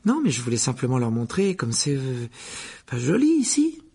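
A man voicing a clever, earnest schoolgirl with a quick, slightly prim manner. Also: medium pitch, wildly swooping pitch, mellow, slightly rough, heavily acted.

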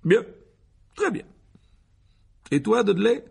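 A man voicing a pompous, blustering middle-aged uncle in an audiobook, with slow, booming emphasis. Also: sing-song, vocal fry, slightly rough, heavily acted. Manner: booming, self-important, slow emphatic delivery.

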